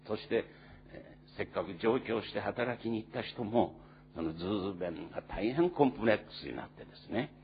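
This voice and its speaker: Casting note: male pastor, low lively delivery, earnest and unhurried sermon with fillers, slightly muffled recording with faint hum. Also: vocal fry. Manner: earnest storytelling with many pauses and fillers.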